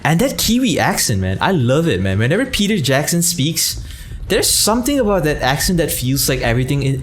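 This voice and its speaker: A man's voice: mid-range voice, a little hiss or hum. A young man from Malaysia chatting casually on a game livestream, rambling between topics and thanking viewers by name. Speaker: streamer.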